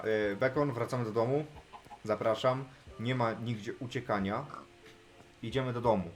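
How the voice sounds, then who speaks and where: Chatty man narrating a Minecraft game. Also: mid-range voice. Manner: chatty, talks to animals in game, bursts of excited yelling. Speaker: gaming YouTuber. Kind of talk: Minecraft let's play commentary.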